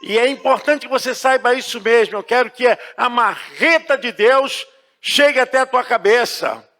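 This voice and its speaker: A Brazilian man preaching a sermon as pastor, stressing words slowly and emphatically in a church. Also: very high voice, in a large hall. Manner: starts hushed, then preaches with emphatic, drawn-out phrases. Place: church sanctuary.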